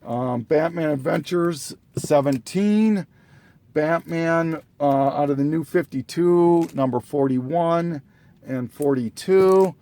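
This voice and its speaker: A man slowly listing items from his collection in a casual, halting way, full of ums and self-corrections, clearing his throat as he loses his voice. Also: on the high side, dark tone. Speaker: comic collector listing trades. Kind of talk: casual show-and-tell listing.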